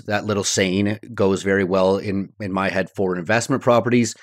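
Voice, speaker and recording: A man with a fairly low voice hosts a podcast. He gives casual advice, and the sound is close and dry, free of room echo. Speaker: podcast host.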